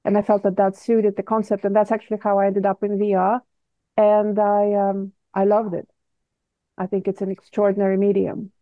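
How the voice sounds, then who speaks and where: A woman's voice: medium pitch, completely flat delivery, no echo. Russian-accented woman on a tinny line. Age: 50s. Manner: measured, deliberate, searches for words. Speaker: guest artist. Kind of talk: interview answers. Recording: tinny phone-like line, dry.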